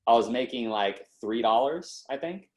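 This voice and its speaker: A young man in his twenties, a guest on a podcast, tells his story in a lively, slangy way and acts out what people said. His voice is mid-range and his pace moderate.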